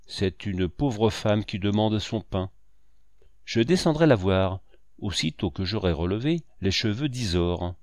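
A man voicing a brisk, kindly woman servant in a storybook reading. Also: on the low side, lively intonation, no room sound, clean studio sound. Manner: brisk, coaxing.

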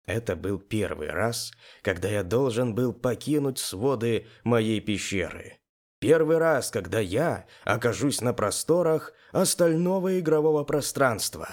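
Expressive male audiobook narrator. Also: medium pitch, measured pace. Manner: expressive storytelling. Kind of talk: first-person narration of game fiction.

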